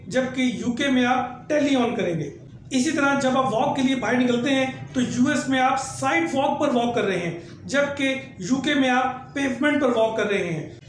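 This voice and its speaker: A man giving an explanatory lesson, spelling out examples slowly and deliberately. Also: extremely high pitch. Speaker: teacher. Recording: very echoey room, faint background noise.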